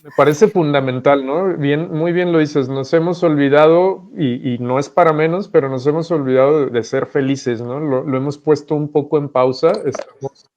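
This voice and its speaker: A man's voice: fairly high pitch, normal speed, darkish tone, lo-fi sound. A man moderating an online panel. He agrees with the last speaker and hands over to the next, with small restarts as he talks.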